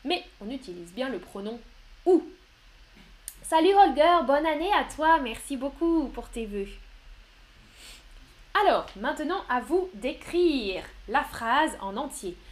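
A woman's voice: sits high, very animated, slow pace, pauses often. A woman teaching grammar in a live online lesson, patient and encouraging as she answers viewers one by one. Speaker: French teacher.

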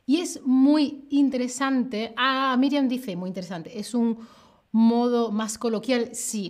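A woman from southern Spain teaching a live-streamed Spanish lesson in a neutral Castilian accent, animated and playful, reading viewers' comments aloud. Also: medium pitch. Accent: neutral Castilian Spanish, softened southern Spain.

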